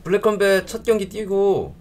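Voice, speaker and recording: A man asking conversational interview questions in a polite, measured way. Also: sits high, darkish tone.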